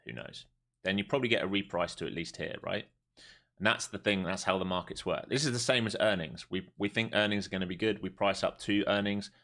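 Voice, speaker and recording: Speaking briskly in a low, slightly bright voice, this European man in his 40s trades live on stream and offers blunt, casual market commentary and chat.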